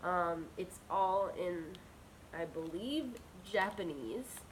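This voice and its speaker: A woman with a cold chatting casually and gushing with excitement as she presents an unboxing vlog. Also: lowish voice, slight background noise, poor audio. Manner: gushing, bubbly, drawn-out words. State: slightly sick, with a cold. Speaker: unboxing vlogger.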